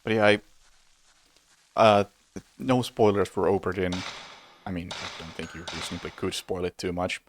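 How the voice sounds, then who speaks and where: A man's voice: deep voice, moderate pace, pauses often, a little hiss or hum. A man streaming a game, chatting casually in a rambling way with frequent chuckles and self-corrections, a bit sleepy. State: sleepy, yawning. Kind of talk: casual gameplay commentary.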